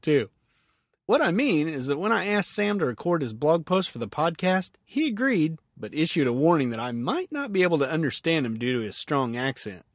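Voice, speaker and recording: Man, podcast host, self-mocking humor, animated pitch, dry close sound. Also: dry recording. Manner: jokey, self-mocking, laughs often. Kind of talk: solo podcast monologue.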